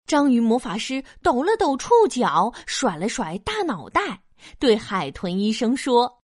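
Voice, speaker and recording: Animated, high-voiced woman narrating children's stories. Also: unhurried, dry recording, studio quality. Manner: expressive, storytelling. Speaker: story narrator. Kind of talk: scripted children's story narration.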